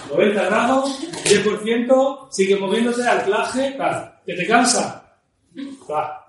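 Male speaking coach, playful and lively, higher voice, heavily echoing hall, distant mic. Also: slow pace. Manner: lively, playful, swings between loud and soft. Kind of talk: live talk on storytelling. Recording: very echoey room, mic far off, faint noise.

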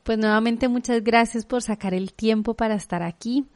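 A woman's voice: a little high, fairly even intonation, moderate pace. A woman from Mexico, hosting a wellness podcast with an upbeat presenter delivery. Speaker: podcast host. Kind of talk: scripted intro and interview.

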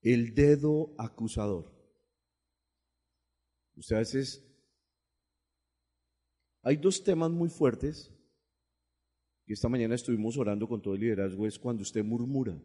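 A male pastor preaching a sermon, swinging from loud, emphatic bursts to low, quiet asides. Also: unhurried, long pauses, in a large hall.

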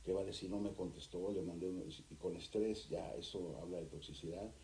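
A man's voice: low-pitched, echoey room, low-quality recording. A man, a therapist and author talking animatedly as a guest in an interview. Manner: animated, acts out couples in quick voices. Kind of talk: conversational interview.

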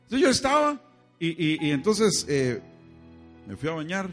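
Faint music runs beneath this evangelical preacher as he speaks at a normal speed in a fairly high voice. He addresses the congregation directly and tells his stories with plenty of animation.

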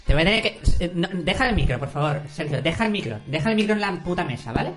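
A man's voice: fairly high pitch, lively intonation, fast, a bit bright, faint music behind. A man from hosting a comedy podcast, scolding a guest and repeating himself in exasperation. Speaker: podcast host. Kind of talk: comic podcast banter.

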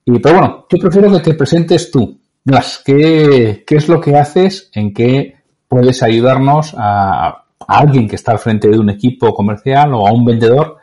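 A man hosting a business podcast, introducing the show and interviewing a guest in a chatty, lively way. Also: mid-range voice, measured pace. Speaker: podcast host.

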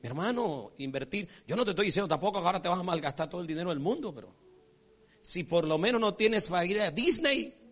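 High-voiced pastor preaching, lively and folksy, keeps checking if folks follow. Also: male voice, quick pace. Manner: animated, folksy, acts out characters; repeats rhetorical check-ins with the congregation. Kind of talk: sermon.

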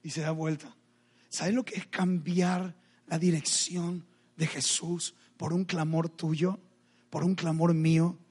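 A man's voice: on the high side, level tone, takes it slowly, darkish tone, slightly rough. A middle-aged man preaching a sermon, acting out Bible scenes dramatically and speaking straight to the congregation. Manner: dramatic, acts out Bible scenes, addresses the audience directly.

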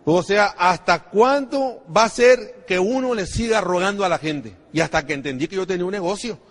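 A man's voice: high-pitched, moderate pace. A man gives a motivational business talk, repeating himself and asking the crowd rhetorical questions. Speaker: network marketing trainer. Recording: long hall reverb.

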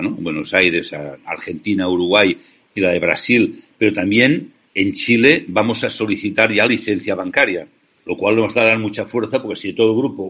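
A man's voice: fairly low pitch, fairly bright tone, slightly rough. A man from Spain, an ethical banking founder, giving passionate, persuasive interview answers over a remote call, often asking rhetorical questions.

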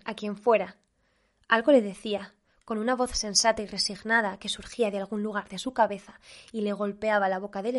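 A woman narrating a story in a measured reading voice. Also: mid-range voice.

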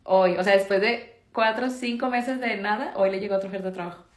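Fast-talking Mexican woman, chatty. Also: mid-range voice. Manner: rambling storyteller, heavy on fillers. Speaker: podcast co-host. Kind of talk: casual chat. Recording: roomy echo.

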